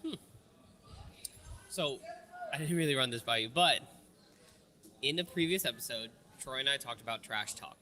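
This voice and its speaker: A man's voice: medium pitch, moderate pace, pauses often, bright, forceful tone. A man hosting a casual podcast, informally coaxing and teasing the people he talks with. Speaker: podcast host.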